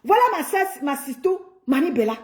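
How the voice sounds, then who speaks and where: A woman with a Cameroonian French accent talking casually on a live stream, animated and teasing, laughing often and greeting her viewers by name. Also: high voice, a little fast, noisy background.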